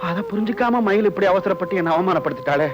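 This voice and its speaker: A proud scheming village doctor. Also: male voice, high-pitched, expressive, fast. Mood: coaxing. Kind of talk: 1980s film acting. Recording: old film soundtrack with loud music.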